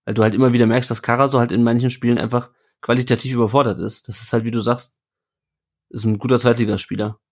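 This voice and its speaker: Guy hosting a footy podcast, easygoing chatter, mid-pitched, reads out listener posts. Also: little pitch movement, fast talker. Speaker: podcast host. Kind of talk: casual football podcast chat.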